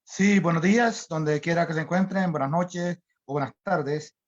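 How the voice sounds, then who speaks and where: A man from El Salvador, a guest on an online interview, speaking in a measured way with frequent fillers. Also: a little high. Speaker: guest, environmental organizer. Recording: dull lo-fi audio.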